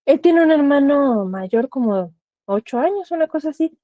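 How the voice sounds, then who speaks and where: Earnest woman, high and mellow. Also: lively intonation, normal speed, dry recording, lo-fi sound. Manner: earnest, advising directly, frequent rhetorical questions. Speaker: thanatologist. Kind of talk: explanatory talk.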